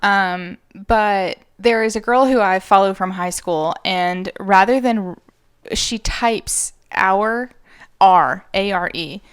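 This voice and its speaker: A woman's voice: mid-range voice, unhurried, hardly any pauses, clean tone. An American woman from Georgia and Michigan, chatting casually as co-host of a show. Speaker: podcast co-host. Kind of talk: casual chat.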